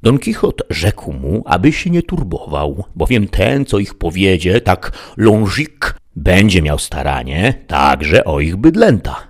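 A man narrating a classic prose story in a measured, old-fashioned storytelling manner. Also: sits low, big pitch swings. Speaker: audiobook narrator.

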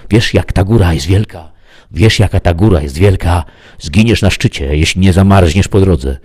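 A man doing a gruff companion shouting. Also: low-pitched, normal speed. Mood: alarmed.

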